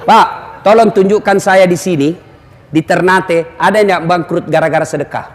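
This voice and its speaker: High-voiced joking preacher. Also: male voice, moderate pace, long reverb tail, slight background noise. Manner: jokey, teasing, animated. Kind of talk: humorous sermon.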